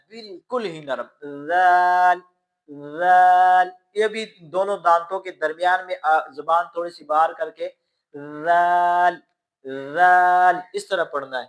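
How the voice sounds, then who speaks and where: A man teaching Quran pronunciation, stretching out each letter sound and then calmly explaining how to make it. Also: high-pitched. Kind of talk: slow letter-by-letter pronunciation lesson.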